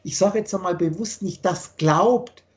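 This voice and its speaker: A man with a high-pitched voice lectures over a video call. He speaks emphatically as a spiritual teacher. He often repeats and rephrases his points. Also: a little slow. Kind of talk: explaining ideas in a video call.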